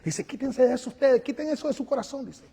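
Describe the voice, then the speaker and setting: A male pastor preaching a sermon, animated, moving between quiet asides and loud calls, and acting out little scenes. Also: very high voice, fast, vocal fry, slightly rough, in a large hall. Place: church sanctuary.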